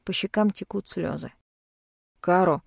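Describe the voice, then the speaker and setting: A young woman reads a first-person audiobook with a dark, mellow tone. Her delivery is emotional and tearful, recorded dry and close to the mic. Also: mid-range voice, normal speed, no room sound. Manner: tearful, emotionally charged reading. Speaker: audiobook narrator.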